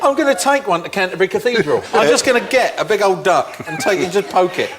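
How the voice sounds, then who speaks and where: A man on a comedy panel with a high, bouncing voice, firing off playful, mock-indignant quips. He is heard in an echoey studio over a loud crowd. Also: lively intonation, fast. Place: studio with live audience.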